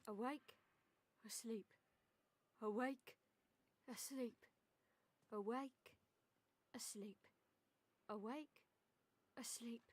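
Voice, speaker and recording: Video game guard: sleep-starved, twitchy female, slow high-pitched mutter. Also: no room sound. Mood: hazy muttering. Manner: drowsy, muttering, drawn-out. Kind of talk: video game character acting.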